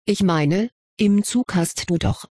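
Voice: medium pitch, slow, warm tone, no echo, clean studio sound. A reader voicing a practical, matter-of-fact schoolgirl witch in an audiobook. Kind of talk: audiobook reading.

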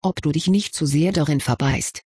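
A level-headed young wizard from a storybook, laying out his reasoning with a dry, lightly ironic edge, as a reader puts him on. The voice is a little husky and close, with no room around it. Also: mid-range voice, moderate pace, dark tone, no echo, close to an everyday voice. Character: sensible, dry-witted schoolboy wizard. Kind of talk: audiobook reading of fan fiction.

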